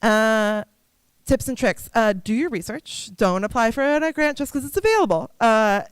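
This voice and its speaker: A young woman leading a theater festival workshop in a casual, chatty way, full of fillers and quick asides. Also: on the high side, animated, smooth, dry recording. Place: workshop room.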